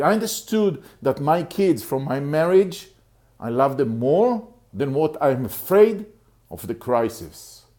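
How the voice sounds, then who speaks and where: Speaking to camera, a motivational speaker from Israel, middle-aged, recounts his life story earnestly, pausing, repeating and restarting phrases frequently. His medium-pitched voice has a warm tone.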